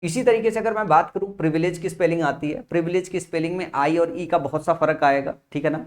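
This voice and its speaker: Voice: medium pitch, fast. A teacher giving an exam-prep lesson, spelling words out letter by letter and often checking in with the listener. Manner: explains with memory tricks, repeating key points.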